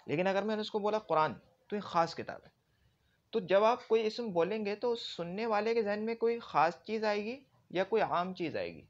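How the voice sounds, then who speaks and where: A man's voice: sits high, animated. A man teaching Arabic grammar in a classroom-style lecture, explaining with everyday examples and often checking that listeners follow. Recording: dull lo-fi recording.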